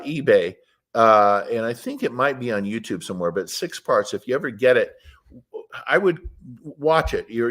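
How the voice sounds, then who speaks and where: A man's voice: medium pitch, fairly bright tone, breathy edge. A man talking as an interview guest, telling rambling stories in a plainspoken, opinionated way and wandering off the subject. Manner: rambling, digressive storytelling. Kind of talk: casual conversational interview.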